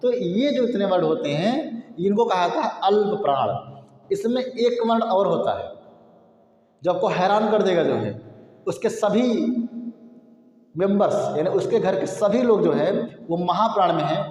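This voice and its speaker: A man's voice: high-pitched, lively intonation, unhurried, darkish tone. A male teacher giving a patient grammar lesson, asking and answering his own questions and sounding out syllables to show the difference. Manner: repetitive, explanatory, asks and answers own questions; demonstrates sounds aloud. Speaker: Hindi teacher. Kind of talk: classroom-style grammar lesson. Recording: echoey room with long reverb.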